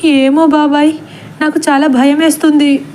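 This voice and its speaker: Woman doing a scared young woman, trembling, tearful, pleading, high voice, storybook. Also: little pitch movement, a little slow, dark tone, a little hiss or hum. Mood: terrified.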